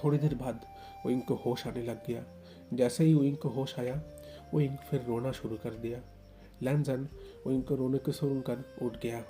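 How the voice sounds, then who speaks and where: Dark-voiced man telling a romance story. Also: medium pitch, steady tone, normal speed, soft background music. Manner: emotional, voicing both characters himself. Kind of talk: dramatic story narration with acted dialogue.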